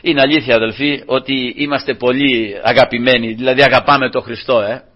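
A man's voice: mid-range voice, fairly even intonation, lo-fi sound. A man preaching a fervent Pentecostal sermon, often calling his listeners brothers.

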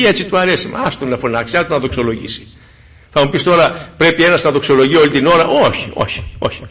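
A man preaching a fervent sermon, swinging between loud exclamations and hushed asides to the congregation. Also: a little high. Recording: dull lo-fi recording.

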